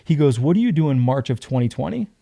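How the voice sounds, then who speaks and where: A young man tells a story as a podcast guest, lively and full of acted-out quotes. His voice is dark and mellow. The sound is dry, close to the mic. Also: medium pitch, fast, creaky, no room sound. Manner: animated, acts out other people's lines. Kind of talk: casual storytelling.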